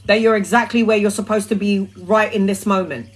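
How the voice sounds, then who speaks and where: Woman, middle-aged, mid-pitch; casual, sweary tarot livestreamer. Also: steady tone, brisk, poor audio. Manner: chatty, blunt and sweary, with rambling restarts. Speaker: tarot reader answering viewer questions. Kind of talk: casual live-stream chat.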